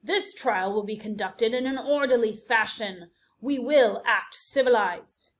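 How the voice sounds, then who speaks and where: A woman's voice: a little high, a little slow, close to an everyday voice. A woman voicing an elderly male mouse leader who speaks formally and commandingly. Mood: stern.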